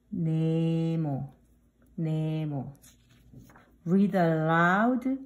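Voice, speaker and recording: A woman teacher giving a beginner language lesson, slowly drilling syllables and repeating each word aloud. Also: on the low side, warm tone. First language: Korean. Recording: dull lo-fi recording.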